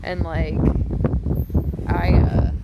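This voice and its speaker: Worried woman on a phone livestream up on a windy clifftop, rambling casually, super loud wind all over the mic. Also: lowish voice, little pitch movement, very slow, dull audio. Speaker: live streamer. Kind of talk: casual live vlog. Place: outdoors at night on a windy roadside ridge. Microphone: handheld phone. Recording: loud wind buffeting the microphone.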